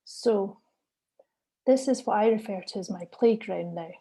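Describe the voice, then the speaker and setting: A middle-aged woman, giving an earnest, encouraging talk as a senior doctor at a measured pace. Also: mid-range voice, dark tone, slightly rough. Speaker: consultant geriatrician giving a talk. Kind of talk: recorded conference presentation.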